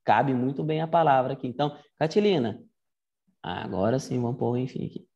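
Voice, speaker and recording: A man's voice: medium pitch, fairly quick, warm tone, muffled recording. A man giving a casual online Latin lesson, explaining step by step and often checking in with "né?". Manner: conversational, explains step by step with frequent "né?". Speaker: Latin teacher.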